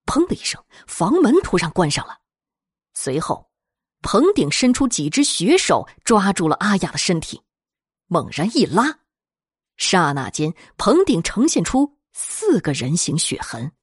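A woman narrating a scripted horror story in a dramatic, expressive storytelling manner. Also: on the low side, a little slow, husky, dry recording, clean studio sound.

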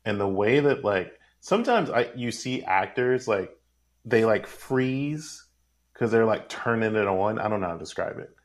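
Rambling low-voiced man. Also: expressive, normal speed. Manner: rambling, goes off on tangents. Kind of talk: casual film discussion.

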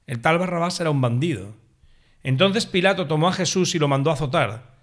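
A male lector reads the Passion in a steady, measured voice. His pitch sits slightly high for a man, and he keeps an even liturgical reading style throughout.

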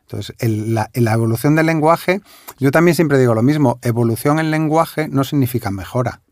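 A man with a Galician accent, a language expert guest, explaining word usage in a relaxed, playful conversational way. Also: mid-range voice, normal speed, no room sound. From Galicia, Spain. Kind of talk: conversational interview.

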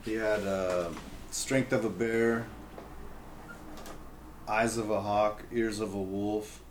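Man, casual co-host chat, lowish pitch, echoey room, faint noise. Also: steady tone, takes it slowly. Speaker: co-host of a casual talk show.

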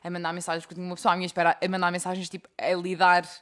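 A young woman with a European Portuguese accent, co-hosting a casual podcast and telling stories in an animated way, acting out the voices she quotes. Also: fairly low pitch, racing. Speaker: podcast co-host. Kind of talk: casual chat.

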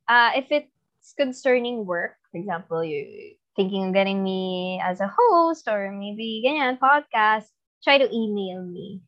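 A woman's voice: mid-range voice, unhurried, muffled recording. Giggly Filipino woman news anchor. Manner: giggly, self-deprecating, animated. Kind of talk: casual podcast chat mixing English and Tagalog.

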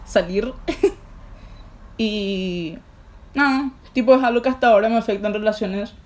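A woman's voice: mid-range voice, darkish tone. A young woman with a Paraguayan Spanish accent, co-hosting a podcast and telling a story in a casual, rambling way full of fillers. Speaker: podcast co-host. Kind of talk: casual chat.

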